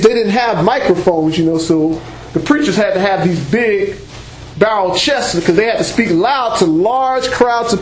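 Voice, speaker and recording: A high-voiced man preaches and teaches the Bible sermon-style to a congregation in a church meeting room, speaking loudly and emphatically and calling out "praise" and "amen." He has no microphone, so a room mic records him, and the result is echoey.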